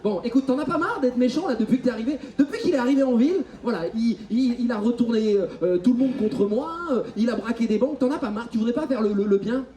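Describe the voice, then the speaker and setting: Fast, high-voiced man on a roomy stage. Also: dark tone. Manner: teasing, laughing, rapid-fire. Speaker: comedy show performer. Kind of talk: improvised stage comedy banter. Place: outdoor resort stage, live audience. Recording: echoey live show, far from mic.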